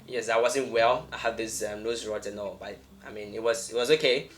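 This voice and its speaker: A man's voice: lowish voice, fairly even intonation, a little fast, a little hiss or hum. A young Ghanaian-accented man hosting a podcast in a casual, conversational way, often repeating phrases for emphasis. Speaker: podcast host.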